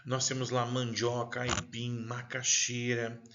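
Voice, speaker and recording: A man's voice: medium pitch, completely flat delivery, measured pace, muffled recording, background noise. A male teacher with a Paraná accent giving a recorded class lecture, chatty and digressive, constantly checking in with the listener. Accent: Paraná, southern Brazil.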